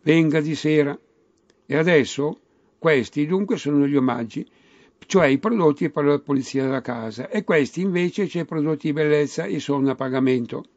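A man's voice: a little high, normal speed, darkish tone, dry recording, dull audio, natural voice. A man voicing a sweet, polite saleswoman in a comic dialect story, reciting product lists. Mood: insistent, courteous. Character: tall blonde saleswoman, polite, sweet-voiced, relentless product lister. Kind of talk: comic storytelling, acted dialogue.

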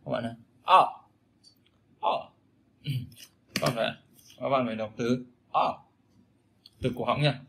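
Male teacher, bright tone, drills vowel sounds by repetition, casual lesson. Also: mid-range voice, fairly even intonation, normal speed, vocal fry, long pauses. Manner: repeats sounds and phrases many times, demonstrating vowels. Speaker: English pronunciation teacher.

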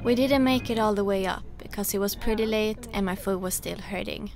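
A woman narrating a sailing vlog voice-over in a calm, informative way. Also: medium pitch, brisk, over music.

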